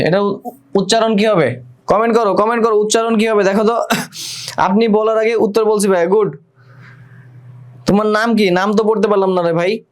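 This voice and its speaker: A young man runs a live online exam-prep class. His voice sits high for a man. He fires the same question again and again, then answers it himself and reads out students' comments. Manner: quizzing, repeats questions, reads viewer comments aloud. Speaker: admission test tutor.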